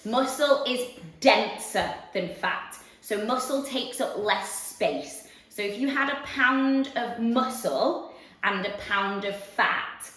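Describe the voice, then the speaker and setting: A woman's voice: fairly high pitch, slow pace, a bit bright. A woman co-hosting a casual fitness chat, agreeing often with short replies. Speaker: fitness coach podcast co-host. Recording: very echoey room.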